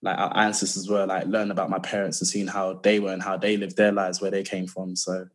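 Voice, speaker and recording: Low-voiced man thinking aloud. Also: monotone, a little fast. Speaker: podcast guest. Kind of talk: casual, reflective chat.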